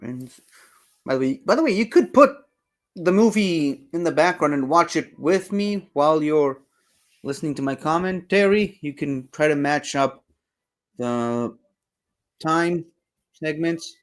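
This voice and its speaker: A man's voice: fairly high pitch, lively intonation, a little slow, long pauses. A young man giving casual, rambling, enthusiastic commentary while rewatching a movie, often correcting himself.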